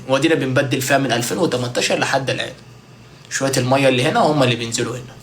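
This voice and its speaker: A man's voice: medium pitch, fairly bright tone, a little hiss or hum. A man with an Egyptian Arabic accent doing a joking, playful comic monologue to his viewers. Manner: joking, playful, mimics street vendors. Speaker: content creator.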